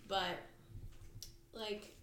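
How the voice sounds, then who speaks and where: A woman's voice: drawn-out words, a bit bright, recorded from a distance. A woman in casual podcast chat. She rambles and fills her talk with "you know" and "like", and swears freely. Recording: roomy echo, slightly off-mic, faint noise.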